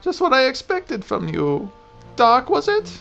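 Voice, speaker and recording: A creaky old hag of a plant sage , played by a man, haughty and cranky. The voice is pitched high and swoops theatrically, drawing words out slowly as in a video game read-through, with music behind it. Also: wildly swooping pitch, a bit bright, lo-fi sound, full character voice. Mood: approving, solemn. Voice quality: creaky, affected old-lady voice. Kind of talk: reading video game dialogue aloud in character.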